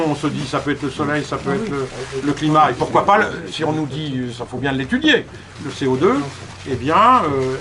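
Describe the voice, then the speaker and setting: A man around seventy, a conference speaker answering audience questions, halting and repeating his words. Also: fairly high pitch.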